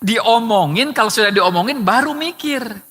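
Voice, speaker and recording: A man's voice: very high-pitched, expressive, normal speed, fairly bright tone. A man preaching a sermon who speaks straight to his listeners with rhetorical questions. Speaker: Islamic preacher. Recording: long hall reverb.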